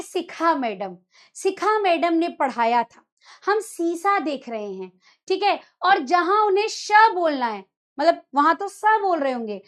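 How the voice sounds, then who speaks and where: A woman's voice: very high voice, a bit bright. A young woman teaching a Hindi lesson to school students in a chatty, teasing way, often scolding them fondly as children. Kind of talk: online exam-prep lecture.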